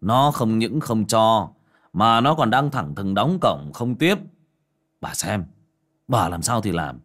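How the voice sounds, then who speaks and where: A man's voice: on the low side, animated, slow pace, fairly bright tone, exaggerated voice. A man voicing a spoiled, greedy young man who talks down to his mother in a bossy, scornful way.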